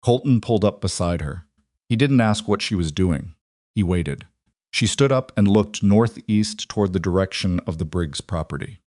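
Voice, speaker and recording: Guy narrating a western, real deep voice, dry close sound. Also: no room sound. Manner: measured, even storytelling. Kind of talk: scripted audiobook narration.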